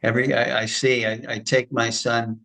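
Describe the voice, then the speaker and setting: A man, a retired schoolteacher, leading a spiritual class and telling a story in a casual, animated way. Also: mid-range voice, moderate pace, gravelly, low-quality recording. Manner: animated storyteller, acts out quoted voices. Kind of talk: casual storytelling after a lecture.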